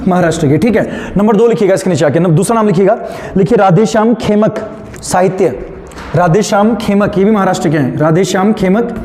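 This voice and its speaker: High-pitched man dictating a lesson. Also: darkish tone. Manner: dictating, repeating phrases and slowing down for note-takers; asks check questions and answers them himself. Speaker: current affairs teacher. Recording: echoey room, faint background noise.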